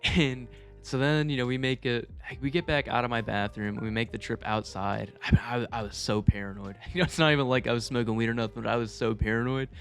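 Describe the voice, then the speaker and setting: A man's voice: mid-range voice, fairly even intonation, a little fast, hardly any pauses, soft background music. A young man telling stories casually to viewers in a rambling, amused, profanity-laced way with lots of slang. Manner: amused, chuckling at own tales. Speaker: storyteller video creator. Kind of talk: casual storytime monologue.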